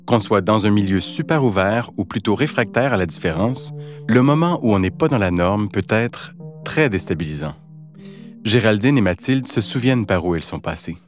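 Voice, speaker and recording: A man reads a scripted narration with a smooth, explanatory delivery. His voice is fairly low. Music plays clearly behind him. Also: lively intonation, normal speed.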